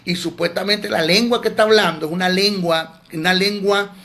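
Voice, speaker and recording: Enfático maestro de teología, voz aguda. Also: male voice, sits high, fairly even intonation, moderate pace, pushed and bright. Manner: emphatic, scolding, repeats words. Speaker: theology teacher. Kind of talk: teaching sermon.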